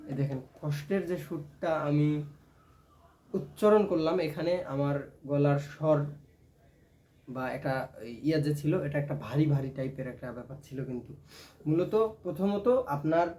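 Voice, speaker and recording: A man's voice: on the high side, moderate pace, pauses often, mellow. A man teaching a casual ukulele lesson, explaining step by step and often checking in with "right?". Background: ukulele playing.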